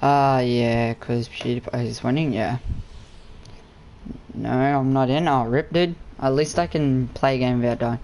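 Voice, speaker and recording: Young male Kiwi streamer, mid-pitched with vocal fry, matey, sweary, casual gamer talk. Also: fairly even intonation, measured pace, a little mellow, slight background noise. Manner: slangy, laid-back, matey and sweary. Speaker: game live streamer. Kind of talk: casual gaming live-stream chat.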